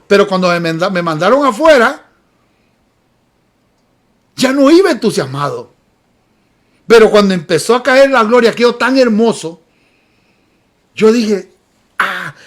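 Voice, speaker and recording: A man preaching in a church, with an unusually high voice. He tells stories with emphasis and keeps repeating key phrases. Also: fairly bright tone. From Honduras. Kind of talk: sermon. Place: church sanctuary.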